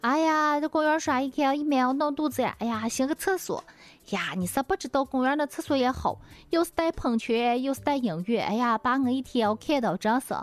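A woman's voice: high voice, brisk. A woman telling a comic story in a chatty way, full of exclamations and dialect words.

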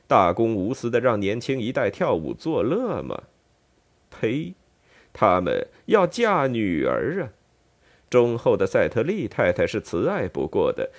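A man narrates a classic novel with wry humor. His pitch swings widely, making the reading lively and theatrical. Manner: expressive, wry storytelling. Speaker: audiobook narrator. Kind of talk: scripted narration.

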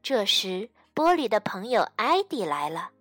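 A woman teacher gently reading a bedtime story aloud to a child in a soft voice. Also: mid-range voice, big pitch swings, unhurried, no echo, soft background music.

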